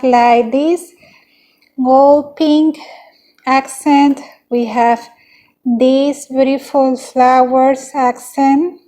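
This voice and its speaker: A young woman with a high, soft-toned voice hosts a beauty unboxing vlog. She speaks slowly and unhurriedly, naming each item one after another. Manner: unhurried, listing items one by one. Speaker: beauty channel host.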